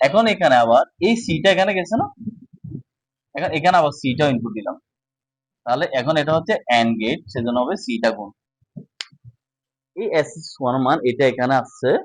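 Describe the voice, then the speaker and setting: A man's voice: medium pitch, no echo, poor audio. Dry-voiced male teacher. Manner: explains step by step, often checking understanding. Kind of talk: casual whiteboard lesson.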